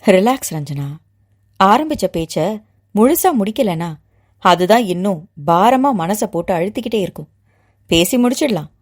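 A woman narrator voicing a composed grown man who speaks in a steady, unhurried, measured way. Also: mid-range voice. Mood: calm. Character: calm, composed grown man asking to be guardian.

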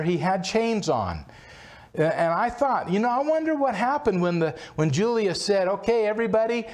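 This pastor, a man in his sixties, has a high, slightly mellow voice. Delivering a sermon from behind a wooden pulpit on an indoor church platform, he retells a story conversationally with frequent restarts, picked up by the pulpit-mounted mic.

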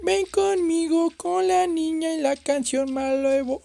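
A man voicing an eerie little girl who sings a creepy song, slow and sing-song. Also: extremely high pitch, flat delivery, gravelly, warm tone, voice pushed up, full character voice.

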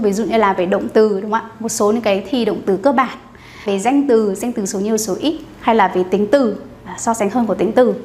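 A young woman, an English teacher explaining study stages in a chatty lesson and often checking in with "right?". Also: a little high. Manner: chatty, keeps asking "right?" to the viewer. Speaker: English teacher and academic manager.

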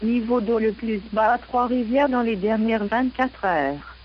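A woman reading navigation warnings in a measured, even announcer delivery over a VHF marine radio broadcast. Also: on the high side, highs cut off, a little hiss or hum.

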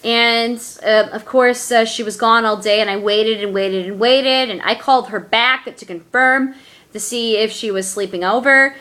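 A young adult woman telling a personal story in her vlog, earnest and halting, with many fillers. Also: on the high side, fairly even intonation, pushed and bright. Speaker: vlogger.

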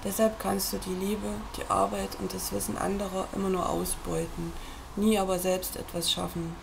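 A woman reads a book aloud in a gravelly, fry-edged voice. Her delivery is measured and earnest, and she seems to speak straight to the listener. She is reading from a screen at her computer. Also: medium pitch, level tone, noisy background. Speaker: reader.

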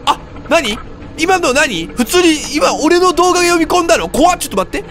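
A man's voice: extremely high pitch, animated, moderate pace. A man giving live horror reaction commentary, jumpy and frightened, often repeating his words. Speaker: gaming video host. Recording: music under the voice.

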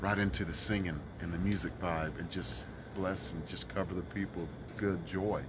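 Deep-voiced man, earnest street musician. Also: steady tone, normal speed. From Mississippi, US South. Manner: earnest, rambling, many fillers. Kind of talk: casual street interview. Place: outdoors in a city park by a street. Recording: outdoor street noise behind.

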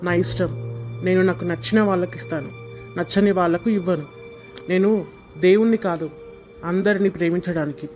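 A man's voice: sits high, fairly quick, long pauses, a little mellow, faint music behind, lightly acted. A young man playing a spoiled, selfish rich son who talks back rudely and dismissively, in an amateur short drama. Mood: annoyed. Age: young adult. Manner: dismissive, rude, whiny.

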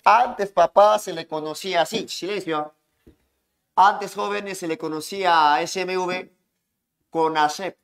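Man, classroom lecture, high-pitched, repetitive, hushes students. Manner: keeps hushing and calling on students, repetitive. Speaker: economics teacher.

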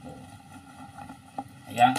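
Sundanese-accented man hawking bags, noisy room. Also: extremely slow. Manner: chatty market-hawker patter with repeated tags and catchphrases. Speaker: second-hand bag seller. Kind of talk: casual live sales pitch, like a market hawker. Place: indoors in a room piled with bags. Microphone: phone propped at about arm's length or further. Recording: noisy room, phone recording.

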